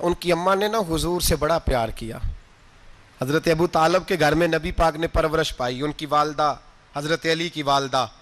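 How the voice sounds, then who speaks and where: High-voiced male preacher, fervent sermon delivery, slow sung verse lines, big dynamic swings. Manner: impassioned, swings between loud exclamation and hushed tender tones; chants poetry slowly in a drawn-out singing way. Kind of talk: emotional Urdu sermon with recited verse.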